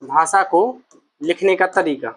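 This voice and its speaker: A woman's voice: fairly low pitch, takes it slowly, slightly rough, low-quality recording. Patient woman teaching Hindi letters. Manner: patient, repeats each sound and asks the class questions. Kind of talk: exam-prep lesson.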